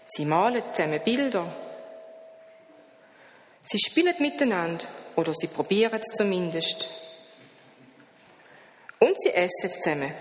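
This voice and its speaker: A woman with a Swiss German accent reading a children's story aloud in a lively, expressive way. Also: mid-range voice, a little hiss or hum. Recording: roomy hall reverb, faint background.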